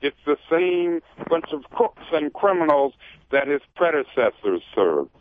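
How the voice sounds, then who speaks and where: A man's voice: fairly high pitch, big pitch swings, a little slow. Impassioned man on a tinny phone line. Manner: impassioned, emphatic, indignant. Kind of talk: political talk radio commentary.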